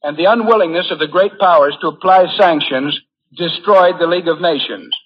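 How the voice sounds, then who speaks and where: The speaker, an American war correspondent, has a fairly high, slightly rough voice and a brisk pace. His earnest, formal prepared speech comes from a 1940s radio address, and the recording is muffled and lo-fi.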